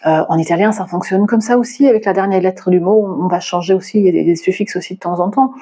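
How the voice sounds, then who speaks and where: A woman's voice: lowish voice, quick pace, mellow. A woman, working as a communication consultant, tells a personal story in a casual monologue and thinks aloud with hesitations as she talks. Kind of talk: casual explanatory monologue to camera.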